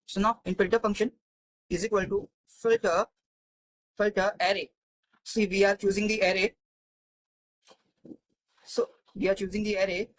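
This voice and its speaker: Halting man teaching spreadsheets. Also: high-pitched, level tone, no echo, low-quality recording. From India. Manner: halting, thinking aloud with many fillers and restarts. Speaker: Excel tutor. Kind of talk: screen-recorded spreadsheet tutorial.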